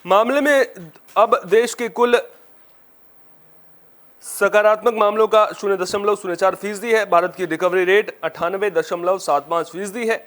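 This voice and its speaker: With a conspicuously high-pitched voice, a man anchors a scripted newscast in formal, presentational television fashion. His pace is moderate, his intonation fairly even, and his tone a bit bright.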